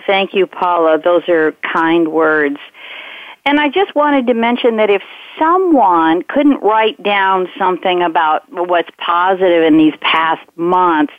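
A woman guiding a meditation in a measured, instructive way, pausing between phrases. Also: fairly low pitch, lively intonation, dry recording. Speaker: meditation guide. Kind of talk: guided meditation and spiritual teaching. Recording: tinny phone-like line with music behind.

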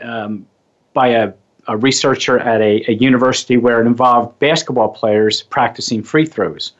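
Guy hosting a hypnosis radio show, chatty and meandering, kinda muffled audio. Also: medium pitch. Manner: rambling, self-correcting, chatty. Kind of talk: casual radio talk.

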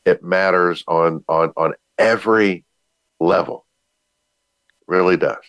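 A man with a deep, firm, raspy voice, congested from sinus trouble, giving an earnest motivational talk as a radio host and repeating phrases for emphasis. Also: slow pace, a bit bright, no echo.

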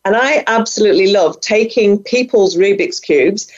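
A woman's voice: medium pitch, animated, normal speed, a little mellow. A middle-aged woman talking enthusiastically as an interview guest about budgeting, with plenty of fillers. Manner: enthusiastic, chatty, many fillers. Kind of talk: casual interview talk. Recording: dull lo-fi audio.

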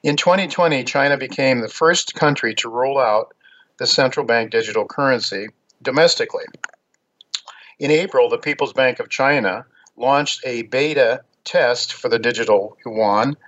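A man's voice: mid-range voice, normal speed, a bit bright. Dull-sounding American male radio host. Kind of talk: radio monologue, reading out news on markets.

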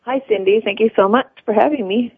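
A woman's voice: on the high side, brisk, breathy edge, no room sound. An American woman, a stylist guest on a radio interview, chatting casually and sharing tips. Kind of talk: casual chat, giving tips. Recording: thin phone-line radio sound.

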